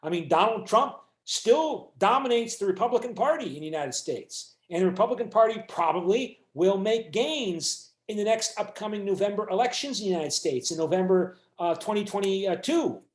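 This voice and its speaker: A man's voice: high voice, animated, moderate pace, hardly any pauses, reverberant. A man teaching an online university class, lecturing with many fillers and restarts over a video call. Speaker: university instructor.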